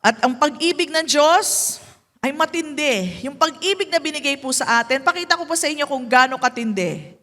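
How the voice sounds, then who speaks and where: A woman pastor with a Filipino accent preaching, mixing English and Tagalog with playful asides and slow, drawn-out emphasis. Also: high-pitched, animated, fairly bright tone. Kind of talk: sermon. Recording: echoey hall.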